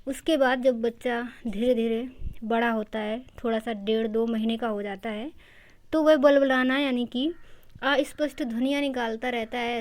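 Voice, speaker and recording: A woman teacher giving an exam-prep lecture, explaining step by step, repeating key terms and mixing in English words. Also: fairly high pitch.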